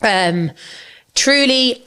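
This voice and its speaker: A woman's voice: fairly high pitch, lively intonation, extremely slow, bright, forceful tone, clear, resonant tone. A young woman, co-hosting a casual podcast, chatty and swearing freely while eating. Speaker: podcast co-host. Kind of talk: casual chat.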